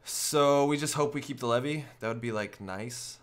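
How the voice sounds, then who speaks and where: A man commentating a card game live, talking it through as he goes. His voice sits at an everyday middle pitch, and he reasons out each move in a loose, conversational way. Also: moderate pace, clean tone. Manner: thinks aloud, working through plays step by step.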